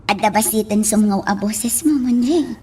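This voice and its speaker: A woman voicing a caring partner who gently coaxes and encourages, in a radio drama. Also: medium pitch, normal speed, breathy edge. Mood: encouraging, tender. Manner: gentle, coaxing.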